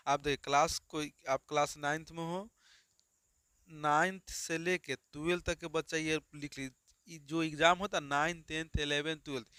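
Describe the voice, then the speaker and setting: A male teacher drills students through a grammar lesson, repeating questions and answering them himself. His voice is bright and crisp, and the recording is close and dry. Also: a little high, no echo. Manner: repetitive call-and-response questioning.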